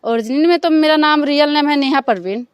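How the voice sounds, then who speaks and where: A young woman from Bihar, answering interview questions in a casual, halting way full of fillers. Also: high-pitched, no echo, studio quality. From Bihar, India. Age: young adult. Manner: halting, many fillers and restarts. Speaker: stage dancer, interview guest.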